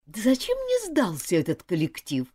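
A woman voicing a spoiled, willful little girl who whines and pleads in a high, swooping voice. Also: huge pitch swings, normal speed, mellow, breathy edge. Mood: defiant. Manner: whiny and pleading.

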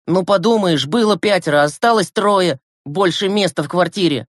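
A man reading an audiobook who voices a brash, impatient teenage boy with a sharp, forceful delivery. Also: sits high, moderate pace, no room sound, clean studio sound, pitched above the performer's own voice, close to an everyday voice. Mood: scornful.

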